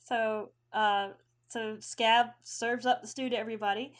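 A woman's voice: a little high, level tone, unhurried. A woman narrating a tabletop game as game master, casual with many fillers.

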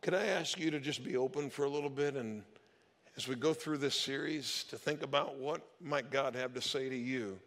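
A man's voice: mid-range voice, moderate pace, fairly bright tone, long reverb tail. A man preaching a sermon as the church's pastor, telling stories in a casual, conversational way and acting out the people he quotes. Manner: conversational storytelling, acts out quoted voices.

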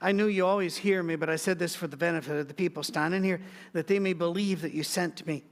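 Middle-aged male pastor, higher voice, sermon delivery with humorous asides. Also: steady tone, fast, gravelly. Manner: storytelling with joking asides.

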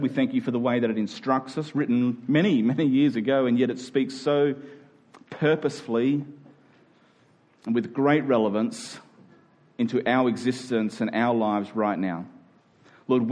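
A man of medium pitch and darkish tone preaches a sermon as a church pastor, speaking with an Australian accent. Earnest yet conversational, he regularly poses questions to his audience.

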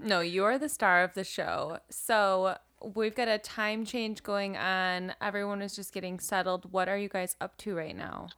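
A woman co-hosting a casual podcast chat, upbeat and quick to laugh. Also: mid-range voice, fairly even intonation, fairly bright tone, no room sound. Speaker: podcast co-host.

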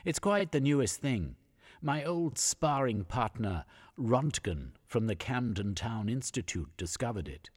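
A man voicing an eccentric, excitable older gentleman scientist with a fussy, musing manner. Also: mid-range voice, measured pace, slightly rough, voice pushed up. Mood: gleeful scheming.

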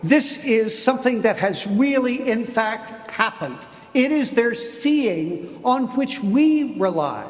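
A man preaching an Easter sermon as a bishop, deliberate and emphatic, with dramatic pauses. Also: extremely high pitch, animated. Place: cathedral. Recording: long cathedral reverb.

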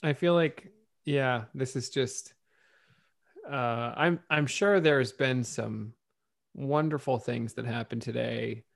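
A man rambles and swears through a casual podcast chat, sarcastic at every turn. His voice is gravelly with a rough edge. The sound is dry and close to the mic. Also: medium pitch, slow, no echo. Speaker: podcast co-host.

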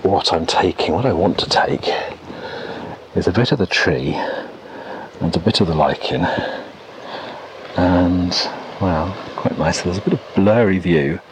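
A man's voice: low-pitched, measured pace, pauses often. A man hosting a casual solo podcast outdoors, musing unhurriedly and thinking aloud, recorded on cassette tape. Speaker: podcast host. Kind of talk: casual solo podcast commentary while out walking. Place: outdoors by an oak tree in countryside. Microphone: portable cassette recorder. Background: noise, clicks.

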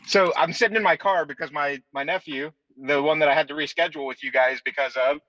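A man's voice: fairly high pitch, fast. A man from Indiana interviewing a band on a video call from his phone, sitting in his car and chatting casually with lots of fillers. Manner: relaxed, rambling with fillers. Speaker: podcast interviewer. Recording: dull lo-fi video call audio.

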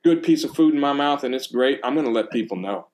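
A middle-aged man in relaxed conversation, his voice in an ordinary middle pitch. He tells stories with energy and acts out excited exclamations along the way. His delivery is loose and conversational. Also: fast, noisy background. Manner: animated storytelling, acts out exclamations. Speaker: percussion teacher. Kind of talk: casual conversation.

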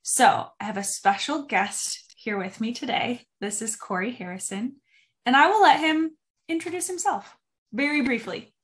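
A woman's voice: on the high side, lively intonation, moderate pace. A woman hosting a casual podcast chat, upbeat and chatty, with many um fillers. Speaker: podcast host.

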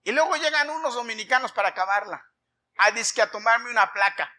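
A middle-aged man preaching a sermon, telling a personal story with animated delivery and repeatedly addressing the congregation as brothers. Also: very high-pitched, brisk. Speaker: pastor.

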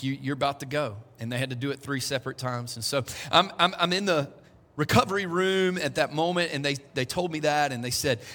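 Speaking at medium pitch with a fairly bright tone, a male pastor in his 40s addresses his congregation. His sermon is conversational and dotted with joking asides, recorded in a church hall with noticeable echo.

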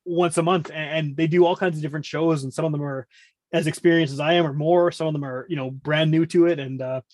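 This studio-quality, dry recording features a middle-aged man with a fairly high, darkish, steady voice talking at a quick pace. A music podcast host appearing as a podcast guest, he chats casually and rambles, frequently breaking off mid-explanation.

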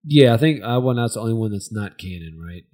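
Low-voiced American man, rambling recap. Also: lively intonation, fairly quick, a little mellow. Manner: rambling, hesitant, searching for words. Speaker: podcast host. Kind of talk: casual discussion and episode recap.

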